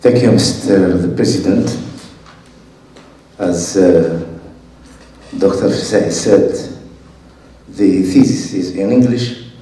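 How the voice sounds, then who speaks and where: A man examining a thesis, reading parts of it aloud in a measured, formal way with pauses. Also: low-pitched, dark tone, a little hiss or hum. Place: university lecture hall. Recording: echoey hall, voice from far off.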